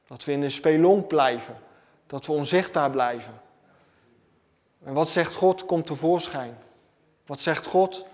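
Male preacher, fairly high voice, emphatic repetitive sermon delivery, reverberant hall sound. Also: a little mellow.

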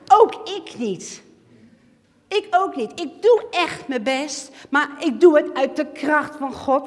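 Animated woman preaching in reverberant hall. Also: high voice. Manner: animated, acts out little dialogues, swings between loud and hushed. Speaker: church speaker giving testimony. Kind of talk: sermon testimony.

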